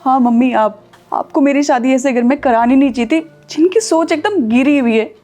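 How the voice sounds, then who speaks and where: A woman's voice: high-pitched, moderate pace, mellow, soft background music, natural voice. A woman playing an upset married daughter who complains tearfully to her mother. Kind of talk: Hindi short film acting.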